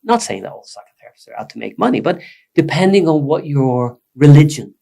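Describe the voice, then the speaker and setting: A man from Sweden speaking English, a psychotherapist guest explaining ideas in an animated, emphatic way. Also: on the high side, a little fast, creaky. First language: Swedish. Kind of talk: conversational podcast interview.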